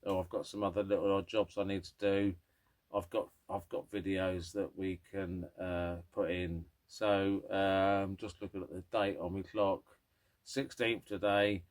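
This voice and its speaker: A middle-aged man who hosts a car vlog, chatting casually and rambling in a low-key, grumpy old man manner. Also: level tone, measured pace. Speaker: host of a classic car vlog.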